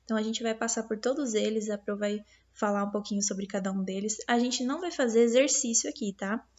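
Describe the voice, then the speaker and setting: A woman's voice: medium pitch, steady tone, fairly quick, darkish tone, highs cut off. A woman teacher with a Brazilian Portuguese accent, patiently explaining a lesson review to her pupils step by step, with many fillers and tag questions. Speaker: primary school teacher.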